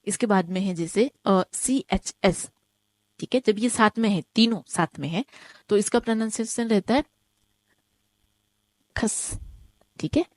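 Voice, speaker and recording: A woman teaching an online German lesson, explaining step by step, often checking with "ठीक है?", and saying each example word slowly twice. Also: mid-range voice, dry recording.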